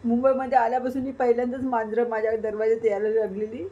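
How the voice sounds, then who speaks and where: A woman from Maharashtra vlogging casually to her viewers and her small daughter, tearful and cooing in soft sing-song baby talk. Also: a little high, flat delivery, fast, lo-fi sound. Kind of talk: casual vlog talking to viewers and her child.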